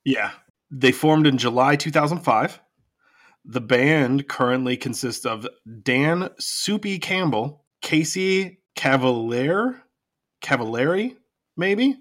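A man's voice: mid-range voice, expressive, takes it slowly, fairly bright tone. A man hosting a podcast in casual chat with a friend, easygoing, joking and laughing often. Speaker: podcast host.

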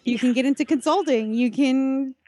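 A woman co-hosts a casual podcast conversation, explaining things in a practical, matter-of-fact way. Her voice is high-pitched yet dark in tone, at normal speed.

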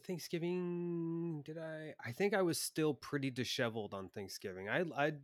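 A man's voice: medium pitch, big pitch swings, fairly quick, dry recording, clean studio sound. A man co-hosting a podcast in casual chat, telling loose stories with fillers and laughs, on a video call. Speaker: podcast co-host.

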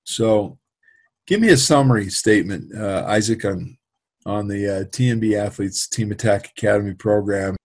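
A man's voice: lowish voice, moderate pace. A middle-aged man, a football trainer, telling a rambling story in a casual interview, with many restarts and asides. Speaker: football trainer and program host.

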